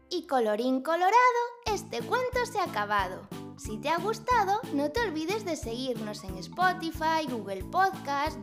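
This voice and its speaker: A woman narrating a children's tale in a gentle, expressive way. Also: high voice. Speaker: children's storyteller. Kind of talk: scripted storybook narration. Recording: long hall reverb, faint music.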